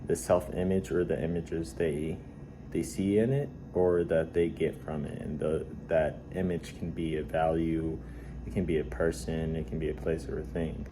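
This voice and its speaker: A man with a congested nose talking casually and haltingly to his audience, recorded in a warehouse. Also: rumbling low, flat delivery. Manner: halting, hesitant delivery with repeated words and pauses. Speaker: vlogger. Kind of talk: casual rambling talk. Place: warehouse at work. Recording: noisy warehouse ambience.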